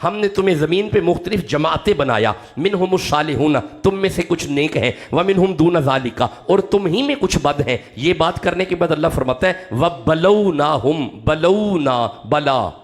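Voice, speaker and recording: Emphatic preacher, higher voice. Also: male voice, animated, hardly any pauses. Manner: emphatic, repeats key words, rises when urging the crowd. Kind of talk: sermon. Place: gathering before a live audience.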